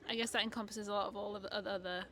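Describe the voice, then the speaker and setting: Young English woman interviewee, crisp and sharp tone, chatty street-talk delivery. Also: mid-range voice, steady tone, very fast, a little hiss or hum. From northeast England. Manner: chatty, laughing, lots of "like". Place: city street outdoors.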